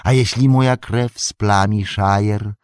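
A man voicing an old, fallen male wizard who is scornful and spiteful, speaking slowly and menacingly in an audiobook reading. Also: fairly low pitch, fairly even intonation, clear, resonant tone, no room sound, clean studio sound, voice pushed up. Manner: sneering, slow and menacing, rising to shouts.

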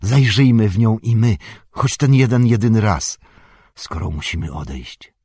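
A man's voice: lowish voice, unhurried, mellow, slightly rough, no room sound, pitched above the performer's own voice. A man narrating a storybook, voicing a proud, grieving male dwarf in raised, fervent tones.

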